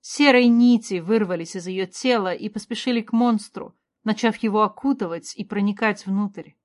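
A woman reading a first-person fantasy story aloud in a steady, clear voice. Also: mid-range voice, moderate pace. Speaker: narrator.

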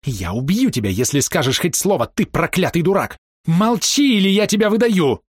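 A man's voice: medium pitch, animated, brisk, dry recording, clean studio sound, voice pushed up, close to an everyday voice. A man reading aloud and voicing a cruel, scheming woman who sneers and gives orders. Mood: threatening. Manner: sneering, commanding.

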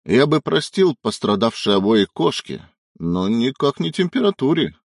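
A man's voice: mid-range voice, very animated, moderate pace, vocal fry, husky, no room sound, clean studio sound, heavily acted. A man voicing a grumbling wry young man. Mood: exasperated.

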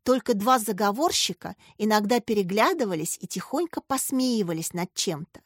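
A woman narrating a children's story in a lively, expressive reading. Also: mid-range voice, normal speed, no room sound, studio quality.

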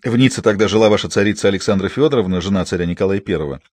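A man voicing an excitable, aging French gentleman who proposes grandly and talks in effusive exclamations. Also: low voice, very fast, no room sound. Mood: expansive.

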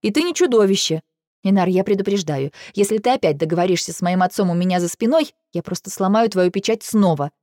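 A woman's voice: medium pitch, quick pace, dark tone, no room sound, studio quality, natural voice. A woman voicing a spirited, impulsive young heroine in an audiobook, speaking in an emphatic, heated way. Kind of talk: audiobook character reading.

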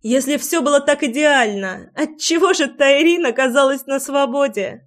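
A woman's voice: high voice, moderate pace, voice pushed up, natural voice. A woman reading a mocking, defiant captive young woman in an audiobook, taunting. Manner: taunting, laughing.

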